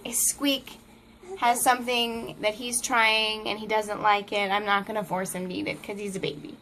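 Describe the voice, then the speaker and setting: A woman's voice: mid-range voice, flat delivery, moderate pace, bright, forceful tone, a little hiss or hum. A mom vlogger chatting casually to the camera at home, laughing often and breaking off to talk to her toddler. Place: family home, indoors.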